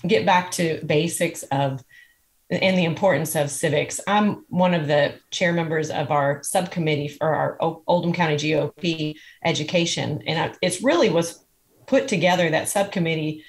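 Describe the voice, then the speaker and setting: A woman's voice: low-pitched, moderate pace. A woman, a political candidate speaking earnestly and plainly as a TV interview guest. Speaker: state senate candidate, guest.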